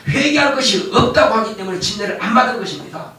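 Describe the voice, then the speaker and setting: A man's voice: high voice, lively intonation, fast, sharp tone, distant mic. A male pastor preaching a sermon with emphatic rhetorical questions, acting out the people he quotes. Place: church sanctuary. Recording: echoey church sanctuary from afar.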